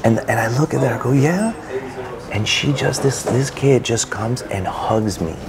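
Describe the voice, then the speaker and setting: A man, an author guest in an interview, telling a personal story in an animated way and acting out his own reactions, with many fillers. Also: mid-range voice, normal speed, crowd noise. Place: bookstore event space.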